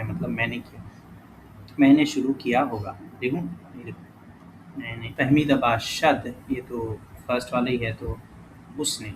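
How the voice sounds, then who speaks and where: A man teaching a casual lesson who thinks aloud as he works through exercises, corrects himself often and reads example words out slowly. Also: mid-range voice. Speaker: language teacher. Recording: clear background noise.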